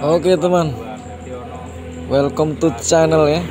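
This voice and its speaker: A man's voice: a little high, fairly even intonation, slow pace, over music. A man chatting casually to his viewers as he films by a roadside canal, with passing traffic behind him. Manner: chatty, talks to viewers as friends. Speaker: vlogger filming outdoors. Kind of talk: casual vlog narration. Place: outdoors by a roadside canal and rice fields. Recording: outdoor phone recording with road noise.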